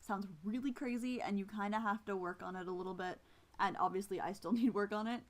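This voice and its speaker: Speaking a little fast at a medium pitch, this woman flute player with missing teeth talks through an informal lesson with demonstrations. Her manner is casual and self-deprecating, and she hesitates while explaining things.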